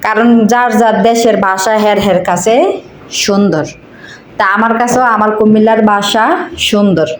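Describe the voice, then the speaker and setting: A woman's voice: medium pitch, normal speed, roomy sound, slight background noise. A woman from Cumilla with a Cumilla Bengali dialect, talking viewers through a recipe as she cooks and chatting with them like friends. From Cumilla, Bangladesh. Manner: chatty, talks to viewers as friends while cooking. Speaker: cooking vlogger. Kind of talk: casual cooking narration.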